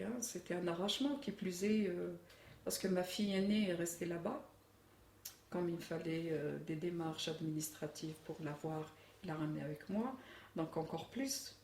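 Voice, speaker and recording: A middle-aged woman speaks in a measured, thoughtful way, pausing on fillers as she reflects. Her voice is gravelly, and she sits a little away from the mic in an echoey room. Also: fairly low pitch, darkish tone, recorded from a distance, slight background noise. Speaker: interviewee, immigrant mother. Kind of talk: reflective interview answers.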